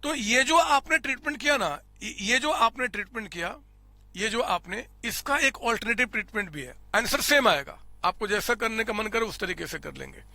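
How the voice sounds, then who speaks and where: Male tutor, very high and piercingly bright, step-by-step lecture, dry studio mic. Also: animated, normal speed, gravelly, no room sound. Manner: explains step by step, repeats numbers aloud, addresses students as children. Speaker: accounting teacher. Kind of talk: classroom lecture. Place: recording studio. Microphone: close studio mic.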